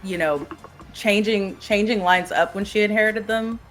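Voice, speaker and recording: A woman's voice: medium pitch, moderate pace, fairly bright tone, faint music behind, poor audio. Candid woman in a friendly chat. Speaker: guest. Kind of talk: casual group chat.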